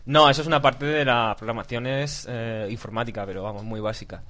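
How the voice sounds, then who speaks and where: A man's voice: medium pitch, steady tone, a little fast, sharp tone. A man being interviewed in a casual chat, answering in a laid-back, self-deprecating way. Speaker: guest.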